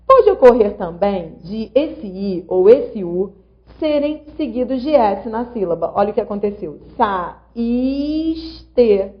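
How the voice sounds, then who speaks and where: With a medium pitch that swings widely, this woman teaches grammar online at a moderate pace. She patiently breaks words into syllables and invites the viewer to join in, all over slightly dull, lo-fi audio.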